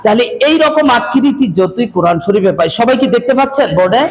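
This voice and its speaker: Male Quran reading teacher, very high voice, quizzes and drills the class; echoey, noisy room. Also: lively intonation, quick pace. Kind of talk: classroom lesson. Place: classroom with a board. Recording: echoey room, loud background noise.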